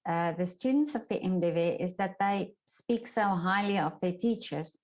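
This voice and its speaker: A woman's voice: on the low side, normal speed. A woman hosting an interview, asking questions attentively and murmuring along as her guest speaks. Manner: attentive, frequent listening murmurs. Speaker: interviewer host. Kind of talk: interview conversation. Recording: slightly dull, lo-fi sound.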